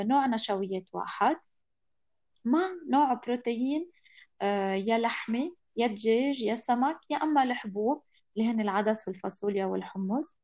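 Lebanese woman, higher-pitched, explaining closely miked. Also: darkish tone, no echo. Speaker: nutrition expert guest. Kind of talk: explanatory interview talk with French and English words mixed in.

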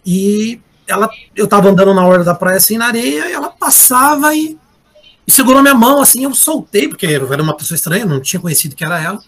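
A man telling a personal story in casual conversation, animated and acting out the voices he quotes. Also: sits high, quick pace. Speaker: guest sharing a personal story. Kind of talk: casual confessional chat.

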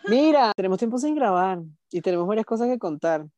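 A man's voice: high-pitched, lively intonation, fast, dark tone, dry recording, muffled recording. Playful man, dry close sound. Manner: camp, playful, gossipy storytelling. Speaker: podcast co-host. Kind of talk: casual chat.

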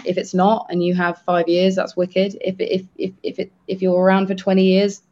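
Earnest halting podcast host. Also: male voice, high-pitched, completely flat delivery, a little mellow. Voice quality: halting, earnest, many restarts. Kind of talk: casual podcast chat. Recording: dull lo-fi sound.

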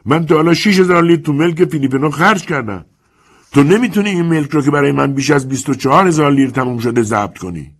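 A male narrator gives voice to a furious landowner in an audiobook, a man who has been cheated and will not keep quiet about it. The voice climbs far above the reader's own and rings loud and indignant. The tone is husky and gravelly, close to a shout throughout. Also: fairly high pitch, voice pushed up. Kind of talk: audiobook character voice.

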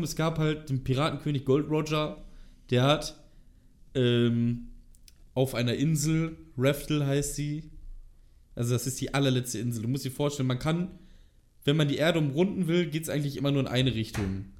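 A man chatting casually on a podcast, explaining things at length with lots of fillers and a lively, enthusiastic manner. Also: medium pitch, moderate pace. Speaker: podcast co-host. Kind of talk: casual chat.

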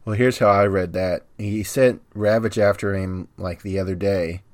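A man co-hosting a podcast, recapping an episode's plot in a steady storytelling way with dry humor. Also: low-pitched, normal speed, dry recording.

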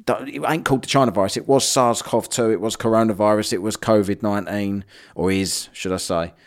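A man's voice: lowish voice, steady tone, a little fast. A man hosting a solo podcast, ranting bluntly about the news with frequent swearing. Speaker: podcast host. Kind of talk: casual solo commentary.

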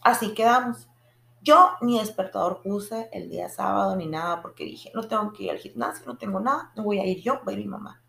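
A young woman, telling a long personal story in a casual, animated and frustrated way. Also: mid-range voice, brisk, vocal fry. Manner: animated, frustrated retelling with frequent restarts and acted quotes. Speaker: vlogger. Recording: echoey room.

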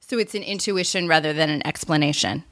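A woman's voice: deep voice, fairly quick, fairly bright tone, no room sound. Encouraging woman podcast host, dry sound. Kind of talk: podcast interview.

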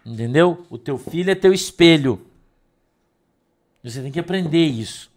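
A middle-aged man preaching a sermon, emphatic, swinging between loud stresses and soft asides. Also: a little high, animated, moderate pace. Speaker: pastor.

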